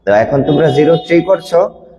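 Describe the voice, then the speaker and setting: A male teacher runs an online English class, giving each word's meaning and then having a student repeat after him. His voice sits a little high for a man. There is a long reverb around him. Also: lively intonation, brisk, warm tone. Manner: explains each word patiently, then drills pronunciation with a student. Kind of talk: online grammar class, explaining word meanings. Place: online classroom on a video call.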